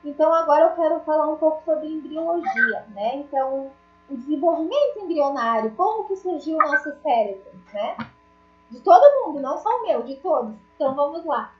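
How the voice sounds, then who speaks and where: A woman's voice: high voice, animated, fairly quick, reverberant, dull audio, a little hiss or hum. A woman teacher giving an online class, chatty and joking, talking straight to her students. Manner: chatty, jokey, addresses students directly.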